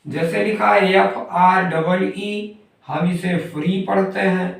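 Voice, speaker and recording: A man with a high, gravelly voice gives a slow, careful pronunciation lesson and spells out each word letter by letter. He sits well back from the microphone in a strongly echoing room. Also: fairly even intonation. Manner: methodical, spells out letters one by one. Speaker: English pronunciation teacher. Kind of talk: explanatory lesson. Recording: very echoey room, far from the mic.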